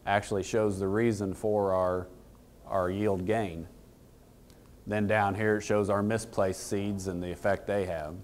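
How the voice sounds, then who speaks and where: A man's voice: lowish voice, little pitch movement, measured pace. A man in his thirties giving a casual technical talk to an audience in a conference room, plain-spoken and folksy, often asking the room questions. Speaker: equipment dealer presenter.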